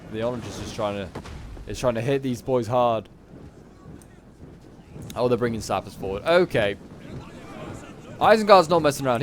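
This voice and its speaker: A man gives off-the-cuff play-by-play on a strategy game. His delivery is colloquial and animated, reacting as things unfold. Clear ambient noise sits behind his voice. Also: medium pitch. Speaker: gameplay commentator. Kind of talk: casual live commentary on a strategy game battle.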